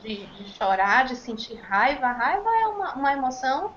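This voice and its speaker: A woman with a Brazilian Portuguese accent, a child and speech therapist, explaining on a panel in a measured way with frequent tag questions. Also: sits high, big pitch swings, fairly bright tone. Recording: muffled, slightly noisy recording.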